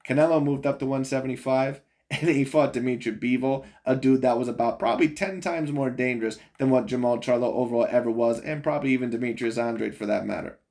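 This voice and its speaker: This fast-talking man has a medium-pitched, darkish voice and shares casual takes on boxing while watching a video. He rambles from point to point, chuckling often and repeating "in my opinion" and "overall."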